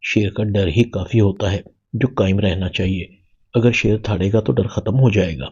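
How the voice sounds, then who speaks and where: A man reading the cool, calculating lines of a scheming young woman, in a husky low voice. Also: darkish tone, lo-fi sound.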